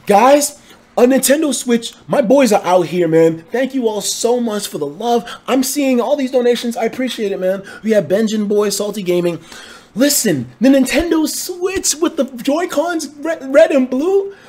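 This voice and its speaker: Hoarse, shouting young male streamer. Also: extremely high pitch, moderate pace, a little hiss or hum. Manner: loud, excitable, swearing, shouting. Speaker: livestream host. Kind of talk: hyped livestream reaction.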